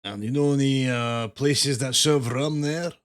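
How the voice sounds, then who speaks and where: A man with a mid-range voice plays a tabletop role-play game. He keeps asking questions in a steady, inquisitive way. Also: medium pitch, a little slow. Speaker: player.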